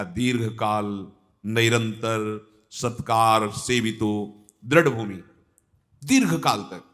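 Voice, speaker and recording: A man's voice: fairly high pitch, a bit bright. A man giving a devotional discourse as a spiritual teacher, exhorting listeners and quoting scripture verses in a chanting cadence.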